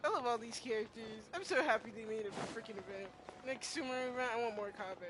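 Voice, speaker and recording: A woman with a slightly high voice talks fast while streaming a game playthrough, her commentary casual, rambling, fannish, and full of slang. Game music and other background noise play behind her.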